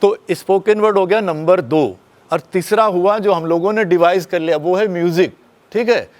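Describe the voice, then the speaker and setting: Older male lecturer, high voice, lively and firm, quizzes the class and demonstrates pauses and stress. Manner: firm with students, tells them to put phones away. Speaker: lecturer at a media school orientation.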